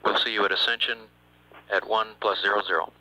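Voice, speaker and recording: A man's voice: lowish voice, steady tone, brisk, pushed and bright, low-quality recording. A man making businesslike, clipped procedural calls over radio as a mission controller. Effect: radio transmission. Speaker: capsule communicator at mission control. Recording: faint radio hum and hiss.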